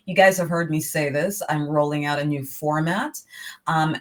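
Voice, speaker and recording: This is a woman from New York with a notably low voice, hosting an online interview. She talks with bright enthusiasm and laughs often, and she comes through a video-call microphone. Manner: energetic and enthusiastic, quick to laugh. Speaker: talk show host.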